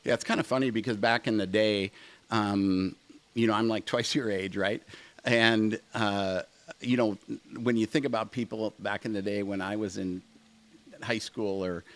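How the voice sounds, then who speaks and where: A man's voice: lowish voice, steady tone, moderate pace, a bit bright. A middle-aged man hosting a podcast interview, speaking emphatically and repeating his points. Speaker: podcast host. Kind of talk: casual interview.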